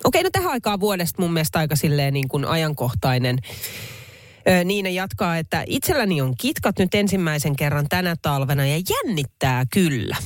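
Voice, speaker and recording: A woman's voice: sits low, dry recording. A woman radio host chatting casually and reading listener messages aloud in a studio. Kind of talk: casual radio show chat. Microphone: studio microphone.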